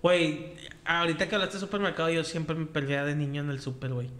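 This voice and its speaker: A man's voice: on the high side, steady tone, fast, fairly bright tone, reverberant. A young man, joking in laid-back casual chat full of slang.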